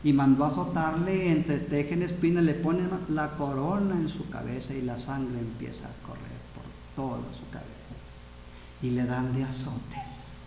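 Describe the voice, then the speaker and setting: A man's voice: medium pitch, moderate pace, warm tone. A Mexican-accented man preaching a dramatic sermon and calling his listeners brothers. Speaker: pastor. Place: seminary hall. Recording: echoey hall with long reverb, faint noise.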